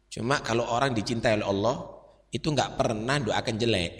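A man's voice: mid-range voice, brisk. A man preaching a sermon in with a tinge, telling stories and throwing out rhetorical questions. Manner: animated storytelling, rhetorical questions. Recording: long hall reverb.

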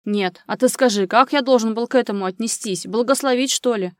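A woman reading an audiobook, voicing a hot-tempered man who shouts defensively. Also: medium pitch, a little fast, no echo, clean studio sound, natural voice. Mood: furious. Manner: angry outbursts, raised and forceful.

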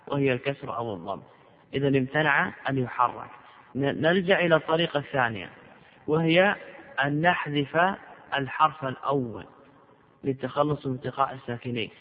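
Sheikh guy teaching class, asks himself questions then answers, dull lo-fi sound, big echoey hall. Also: fairly high pitch. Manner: deliberate, poses and answers his own questions. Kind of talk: classroom lecture. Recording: lo-fi recording with long hall reverb.

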